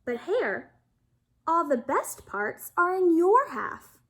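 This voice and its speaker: A woman's voice: extremely high pitch, very animated, fairly bright tone, voice pushed up, full character voice. A woman voicing a lazy, easily fooled male bear in a children's storybook, drowsy and grumbling. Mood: indignant. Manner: drowsy, grumbling, slow-witted.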